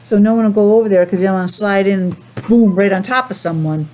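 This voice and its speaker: Reading fast in a medium-pitched voice, a teacher animatedly shares a picture book with little children, tossing in casual comments and simple questions. The rough recording carries slight background noise.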